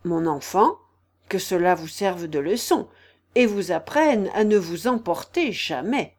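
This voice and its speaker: A woman's voice: fairly low pitch, expressive, unhurried, a little mellow. A woman voicing an old father crab who lectures his son. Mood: preachy. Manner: moralizing.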